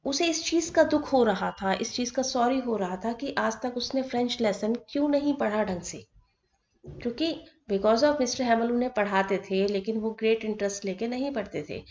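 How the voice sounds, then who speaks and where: A woman teacher explaining a textbook chapter, reading lines slowly and then explaining them at length. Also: fairly high pitch, a little mellow. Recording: dull lo-fi recording.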